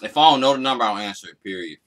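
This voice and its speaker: Bright-voiced man, casual and slangy. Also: lowish voice, very fast. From Arkansas, United States. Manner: animated, slangy, playful. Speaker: mukbang vlog host. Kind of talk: casual chat. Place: small indoor room at home.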